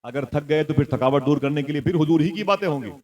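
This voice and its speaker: This sermon comes from a man with a fairly high voice who talks fast, his impassioned storytelling rising into loud exclamations as he invites listeners to call back. The audio sounds dull.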